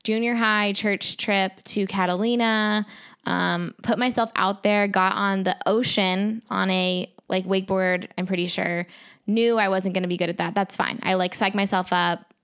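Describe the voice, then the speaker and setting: A woman co-hosting a podcast, chatting casually and telling a quick story with asides. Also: mid-range voice, steady tone, a bit bright, clear, resonant tone. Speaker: podcast co-host. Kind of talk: casual chat.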